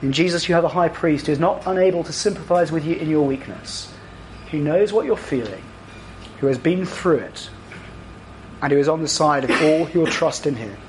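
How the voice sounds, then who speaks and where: A man preaching a sermon, earnest, lifting his voice higher when he acts out quotes. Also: normal speed, noisy background. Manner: earnest, rises to higher, louder voicing for acted quotes.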